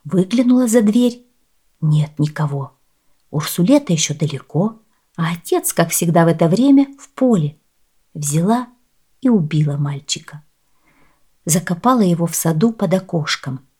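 Expressive woman telling a fairy tale. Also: fairly low pitch, moderate pace, long pauses, husky. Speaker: storyteller. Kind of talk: scripted fairy-tale narration.

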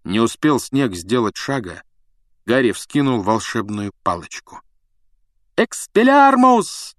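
A man reading a story aloud as an audiobook narrator, in measured storytelling. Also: on the low side, dry recording, clean studio sound. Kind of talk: scripted narration.

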